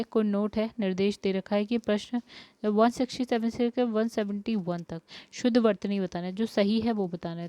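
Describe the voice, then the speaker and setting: A woman teacher leads an exam-prep spelling lesson, posing each question and then explaining the answer step by step. Her voice is smooth and resonant at a middling pitch. The recording is close and dry. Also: dark tone, no room sound.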